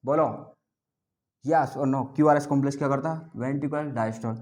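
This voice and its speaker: A male biology teacher leads a classroom lecture in call-and-response, having students chant terms back after him. His voice sits at a middle pitch, and he keeps up a teasing, playful patter as he mixes with terms. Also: brisk, a little mellow.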